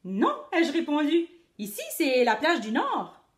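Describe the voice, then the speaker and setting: A teacher reading a picture book aloud to children, expressive and addressing the young listeners directly. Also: female voice, high-pitched, a little slow, roomy sound. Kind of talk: children's storytelling read-aloud.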